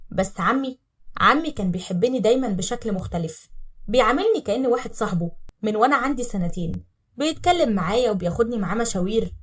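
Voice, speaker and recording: A woman's voice: fairly high pitch, breathy edge, far from the mic. A woman voicing a blunt, teasing young man with an Egyptian accent in a spoken story.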